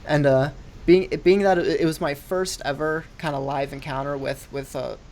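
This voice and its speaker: A man talking casually over an online voice call, halting and restarting his words while the audio cuts in and out. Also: fairly high pitch, fairly even intonation, darkish tone. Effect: choppy call audio cutting in and out. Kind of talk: casual chat.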